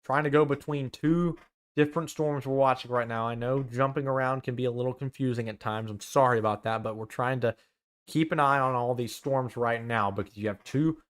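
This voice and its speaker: A student meteorologist, a young man with a mid-range voice, talks a little fast during live severe weather coverage. He lists towns and when the storm will arrive, delivers urgent warnings, and corrects himself at times.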